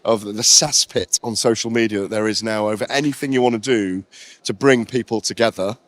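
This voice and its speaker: A middle-aged man with an expansive, animated way of talking, being interviewed at a busy event and often circling back to repeat himself. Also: on the low side, fairly quick, dry recording. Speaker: interviewee on a red carpet. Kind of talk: excited casual chat.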